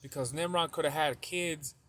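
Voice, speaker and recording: A man with a fairly high, bright-ish voice speaks at a normal speed in a steady tone, with a little background noise, as he gives a casual religious teaching on video. Rambling along, he fills pauses with "you know," tacks on "though," and goes over points again to drive them home.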